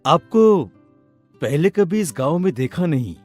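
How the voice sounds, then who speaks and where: A polite, lovestruck young heir acted by a man in a story drama, speaking very slowly and gently. The voice is fairly high for a male, with music playing behind. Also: animated. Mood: courteous. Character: polite, smitten young landlord's son. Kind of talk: dramatized Hindi story acting.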